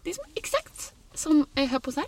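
A woman's voice: high-pitched, big pitch swings, background noise. A woman co-hosting a podcast from inside a car, chatting candidly and with enthusiasm. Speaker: podcast co-host. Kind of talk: casual chat.

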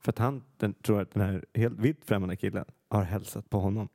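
Gravelly man telling anecdotes, laughing. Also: lowish voice, steady tone, warm tone, no room sound, studio quality. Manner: laughs often, tells anecdotes. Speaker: podcast co-host. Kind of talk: casual chat.

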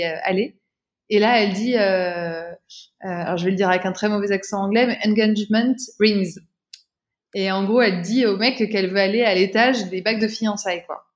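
A woman, a guest in an interview, telling a personal story casually, with many fillers and restarts. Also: medium pitch.

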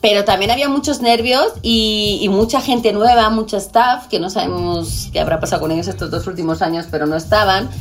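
A woman's voice: medium pitch, a little fast, few pauses, slight background noise. A woman in her forties from Spain with a lisping Castilian accent, speaking casually in an outspoken, emphatic way. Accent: Castilian Spanish. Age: 40s. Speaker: guest, television presenter. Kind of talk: casual conversation.

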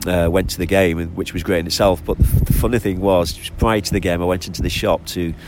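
A man's voice: low-pitched, steady tone, fast, darkish tone. A middle-aged man with a Lancashire accent chatting casually and enthusiastically, telling stories at length. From Lancashire, northern England. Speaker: interview guest, expatriate football fan living on an island. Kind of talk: casual chat. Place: outdoors by the sea. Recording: outdoor recording with clear traffic and ambient noise.

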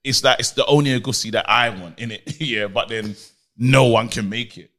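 A man with a London accent bantering casually in slang as a podcast host, animated and excitable. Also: mid-range voice, normal speed. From Nigerian family, Delta.

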